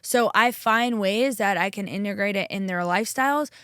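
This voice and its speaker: A woman's voice: mid-range voice, normal speed, a bit bright, no room sound, studio quality. A young woman chatting casually as a podcast guest, upbeat and full of fillers. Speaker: chiropractor and guest.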